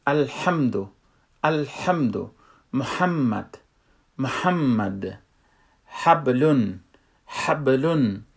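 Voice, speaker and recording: A man giving a spoken tajweed lesson, explaining letter sounds plainly and repeating each example word slowly and loudly. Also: a little high. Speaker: Quran recitation teacher.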